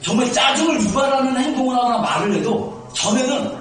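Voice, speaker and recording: A pastor in his fifties with a naturally high-toned voice, preaching a sermon animatedly, from soft asides to shouts. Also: expressive, fairly quick. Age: 50s. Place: church sanctuary. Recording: echoey room, distant mic.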